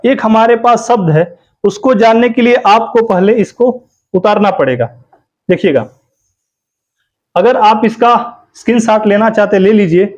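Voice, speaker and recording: A male teacher giving an exam-prep grammar lesson, asking questions and then answering them himself, and repeating key words to drill them in. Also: high-pitched. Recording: dull lo-fi recording.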